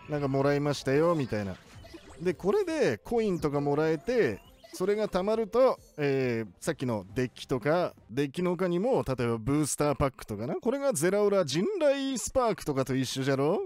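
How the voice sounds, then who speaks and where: Male performer as wise old-man professor gaming, high voice, very animated swings, playful exclamations, music underneath. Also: fairly quick. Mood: cheerful, explaining. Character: elderly cartoon professor, excitable old man gamer. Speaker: gaming video host. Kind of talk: video game commentary.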